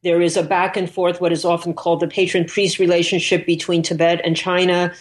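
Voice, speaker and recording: A woman's voice: fairly low pitch, level tone, a little fast. A woman speaking as an interviewed scholar, explaining her subject off the cuff and thinking aloud, often correcting herself as she goes.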